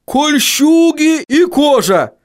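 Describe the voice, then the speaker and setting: A man voicing a gruff, stubborn male dwarf printer who barks his lines. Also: extremely high pitch, sing-song, slow, pitched above the performer's own voice, exaggerated voice. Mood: indignant. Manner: barking, exclaiming.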